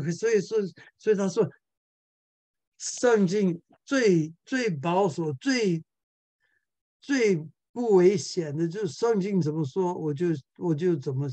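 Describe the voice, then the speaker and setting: A man's voice: fairly high pitch, warm tone, no room sound. A male pastor giving a church Bible class lecture, chuckling often and repeating words as he searches for the next one.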